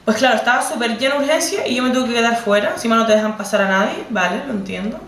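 A young Canarian woman tells a personal story straight to camera. Her voice sits a little high for a woman. She keeps circling back and repeating herself as feeling builds. The sound is roomy and set back from the mic. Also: expressive, fast talker, fairly bright tone, distant mic. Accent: Canarian Spanish. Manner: emotional, repetitive, conversational retelling. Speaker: vlogger.

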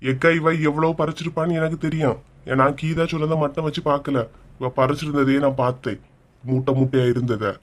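A woman voicing an angry village man who gruffly orders a young woman to come along, with a Kanyakumari Tamil accent. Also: low-pitched, fairly even intonation, brisk, pitched below the performer's own voice, close to an everyday voice. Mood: angry, bossy. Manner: gruff, bossy. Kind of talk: cartoon voice acting.

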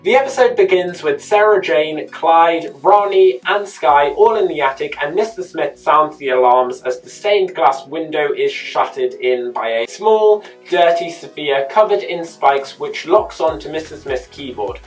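A chatty YouTube host narrates a scripted episode recap and drops in personal asides. The voice sits at a middling pitch. It is picked up from a distance, with faint music playing underneath. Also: expressive, a little slow, few pauses.

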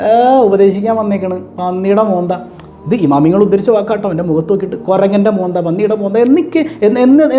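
Male preacher, high mellow voice with faint noise behind, storytelling manner. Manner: storytelling, repeats phrases for emphasis. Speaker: Islamic preacher. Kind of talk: motivational religious talk.

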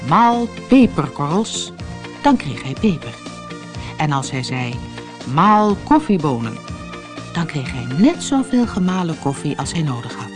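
A woman narrating a children's storybook in a lively, expressive reading. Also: low voice.

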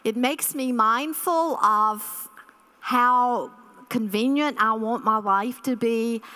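A woman's voice: a little high, slow, bright, forceful tone, clear, resonant tone. A woman in her sixties giving an earnest keynote address at a church conference, speaking from a podium microphone on a hall stage and repeating key phrases.

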